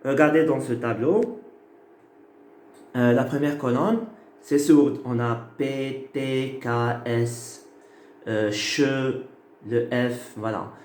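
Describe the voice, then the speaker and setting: A man teaching a class, explaining slowly and patiently and repeating key words. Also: medium pitch, darkish tone. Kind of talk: phonetics lecture. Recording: echoey room with faint noise.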